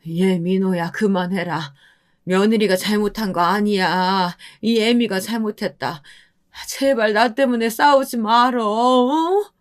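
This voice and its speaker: A woman's voice: mid-range voice, measured pace, natural voice. Woman doing a weary sixty-something mother. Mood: tearful scolding. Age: 60s. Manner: pleading, weary. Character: frail woman in her early sixties, pleading mother-in-law.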